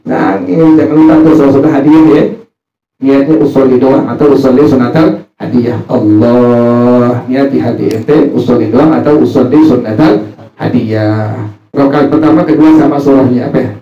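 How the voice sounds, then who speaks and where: A man's voice: medium pitch, steady tone, moderate pace. A man teaching a religious study group in a casual, joking way, often putting questions to his listeners and answering them himself. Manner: jokey, asks the audience questions and answers himself. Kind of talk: informal religious study sermon. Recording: roomy, distant, muffled, faint music.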